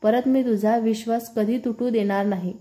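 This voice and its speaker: A woman's voice: fairly high pitch, fairly even intonation, normal speed, dark tone, lightly acted. A woman voicing a playful young man who teases his friends and turns a bit nervous, in a read-aloud storybook. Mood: friendly.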